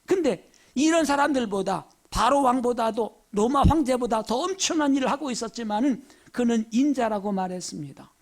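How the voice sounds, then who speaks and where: A man's voice: extremely high pitch, moderate pace. A man preaching a sermon as pastor, telling stories with many rhetorical questions. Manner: animated storytelling, rhetorical questions.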